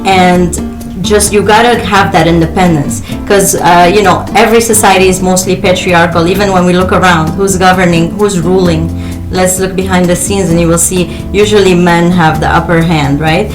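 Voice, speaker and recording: A woman's voice: lowish voice, fairly even intonation, moderate pace. Earnest woman in an echoey room. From Lebanon. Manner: earnest, encouraging. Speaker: teacher guest. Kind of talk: casual panel talk. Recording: echoey room with music behind.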